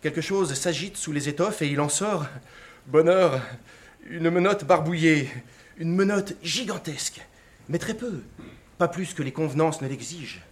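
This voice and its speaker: A man reads literary prose aloud with a theatrical flair, his somewhat high voice dropping to a hush and then rising again with excitement. The reading feels dramatic and carefully shaped. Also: a little slow. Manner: expressive, theatrical, shifting from hushed to excited. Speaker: narrator.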